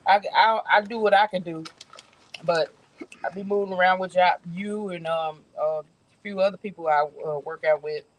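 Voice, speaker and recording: A woman's voice: on the low side, steady tone, moderate pace, slight background noise, rough recording. A woman vlogging outdoors, chatting casually to her viewers with lots of fillers and easy laughs. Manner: rambling, laughs often, many fillers. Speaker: vlogger host.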